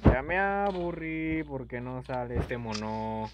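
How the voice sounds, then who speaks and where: A young man giving playful, goofy let's-play commentary, breaking into sudden yells and silly meowing. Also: medium pitch, animated, takes it slowly, noisy background. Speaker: gaming youtuber.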